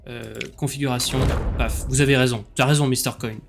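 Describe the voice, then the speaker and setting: Un homme qui commente un jeu en direct sur un ton vif et blagueur, avec beaucoup d'hésitations. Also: male voice, medium pitch, fairly quick, gravelly, over music. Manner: lively, joking, with many fillers. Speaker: streamer. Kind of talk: commenting a game live with jokes.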